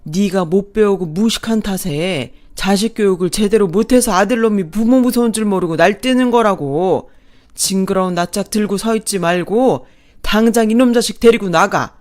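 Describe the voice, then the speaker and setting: A woman's voice: medium pitch, darkish tone, lightly acted. A woman narrator voicing an older, hot-tempered father-in-law who barks insults. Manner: barking, insulting.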